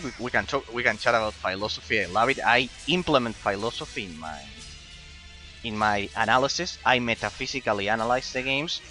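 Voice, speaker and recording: An Argentine man, a native Spanish speaker with an Argentine accent, streams games and chats casually and very politely with his live viewers, often repeating words for emphasis. His voice is lowish, bright and forceful. Faint game music plays behind him.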